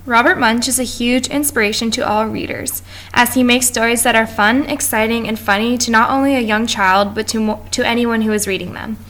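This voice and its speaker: A woman's voice: fairly high pitch, fairly even intonation, fairly quick, fairly bright tone. Woman reading a class presentation. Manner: reads from notes with small stumbles and restarts. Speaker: student presenter.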